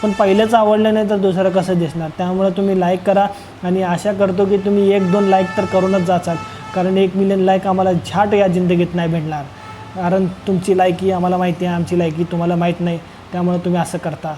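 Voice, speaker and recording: A man's voice: high voice, level tone, a little fast, dark tone, soft background music, rough recording. A young man from Solapur, narrating a travel vlog in a rambling, joking way and addressing viewers as friends. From Solapur, Maharashtra. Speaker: travel vlogger. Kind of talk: casual travel vlog voice-over.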